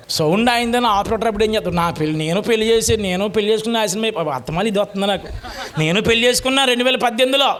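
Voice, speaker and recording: High-voiced, animated male preacher. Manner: animated, colloquial, joking asides. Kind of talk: sermon.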